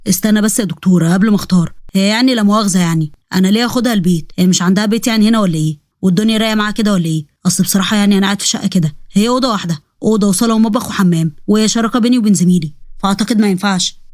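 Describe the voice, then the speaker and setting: A woman's voice: mid-range voice, rapid-fire, few pauses, a little mellow, no echo, clean studio sound, close to an everyday voice. A woman with an Egyptian Arabic accent voicing a chatty, boastful young Egyptian man who jokes and rambles. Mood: excited. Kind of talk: storybook narration with character voices.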